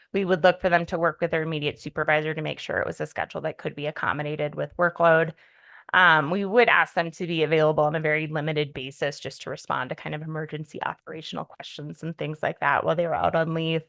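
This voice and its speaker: A woman's voice: lowish voice, vocal fry, fairly bright tone, no echo. A young woman on town staff presenting a policy at a public meeting, careful and explanatory with frequent "um" fillers. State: voice quivering with emotion. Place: town hall meeting room.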